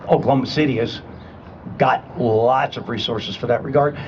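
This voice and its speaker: At a state capitol rally, a New England-accented man in his sixties, a retired Army veteran from Rhode Island and Connecticut, gives a conversational, emphatic speech, often asking "okay?" His mid-range voice keeps fairly even intonation at a moderate pace. Highs are cut off, with slight background noise.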